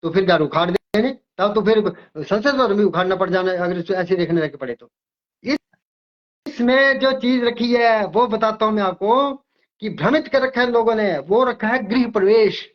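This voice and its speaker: A man's voice: sits high, normal speed, highs cut off. An older man who works as an astrologer, from Himachal Pradesh, explaining emphatically in an interview and often repeating his words. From Himachal Pradesh, India.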